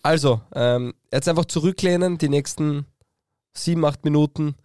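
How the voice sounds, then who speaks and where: A man with an Austrian accent co-hosting a podcast in a relaxed, casual chat, often pausing with filler sounds. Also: fairly high pitch, clean tone, dry recording, clean studio sound. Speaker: podcast co-host.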